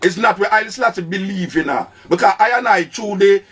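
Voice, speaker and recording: Jamaican guy on a radio call-in, highish voice, keeps cutting in with wait no wait. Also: quick pace, fairly bright tone, husky. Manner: insistent, cuts in with repeated "wait, no".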